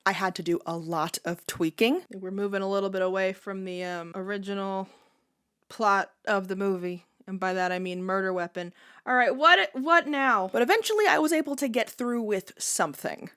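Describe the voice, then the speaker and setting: A young woman video creator giving sardonic, lively comedic commentary while testing an app, often laughing. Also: mid-range voice, normal speed, smooth.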